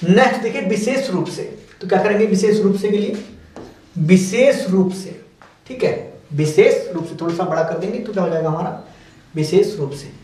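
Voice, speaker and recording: A man's voice: high-pitched, fairly quick, darkish tone. A man teaching shorthand step by step, explaining patiently and repeating each word as he goes. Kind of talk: step-by-step stenography lesson. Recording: very echoey room, mic far off.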